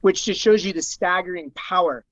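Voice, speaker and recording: A man's voice: high-pitched, normal speed, fairly bright tone, no room sound, lo-fi sound. A man co-hosting a breathwork session, talking in a reflective, rambling way with many fillers on a group call. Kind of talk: casual group video call chat. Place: home on a mountain by a stream.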